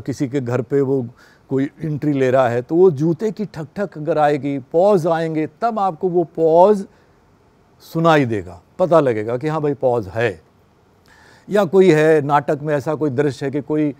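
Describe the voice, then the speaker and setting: A man lectures a class on radio production in a steady, explanatory way, often pausing to check that his listeners are following. His voice sits a little high but sounds warm and mellow.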